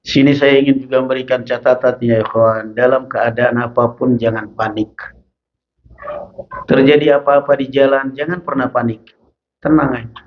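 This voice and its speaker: A male preacher teaching a mosque study session, chanting Arabic passages slowly and then explaining them in casual speech. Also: mid-range voice, steady tone. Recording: dull lo-fi mosque recording.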